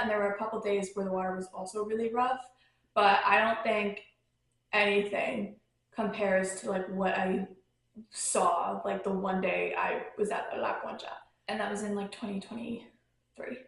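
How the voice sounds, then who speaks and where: A woman's voice: medium pitch, moderate pace, gravelly, a bit bright. A young woman hosting a podcast, chatting in a rambling way full of filler words, recorded at home on a phone. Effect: recorded on a phone, echoey. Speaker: podcast host. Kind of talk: casual travel chat. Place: at home near her dogs.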